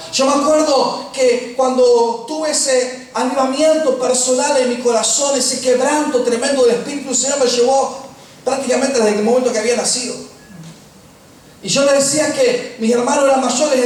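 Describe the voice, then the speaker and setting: High-voiced Argentine pastor in echoey room. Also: male voice. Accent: Argentine Spanish. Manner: humorous storytelling, slows for emphasis. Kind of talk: sermon with personal stories. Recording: echoey room, distant mic, faint noise.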